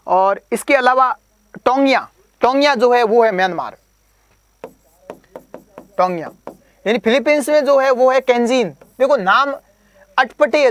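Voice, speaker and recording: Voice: mid-range voice, no echo. Exam coach, drills terms over and over, quizzes the class, plays with memory tricks, dry close sound. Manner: uses playful memory tricks. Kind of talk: exam prep lecture.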